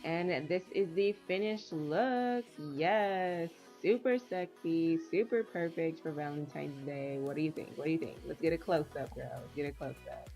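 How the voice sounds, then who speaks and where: A woman's voice: low voice, normal speed, hardly any pauses, faint music behind. A woman with a nasal, allergy-stuffed voice, chatting her way step by step through a makeup tutorial voice-over. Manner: chatty, relaxed step-by-step narration. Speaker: makeup vlogger.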